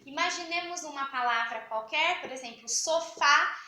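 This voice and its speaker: High, bright woman teaching. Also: moderate pace, roomy sound. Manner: chatty, asks rhetorical questions and answers them. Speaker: Portuguese teacher. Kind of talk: online grammar lesson.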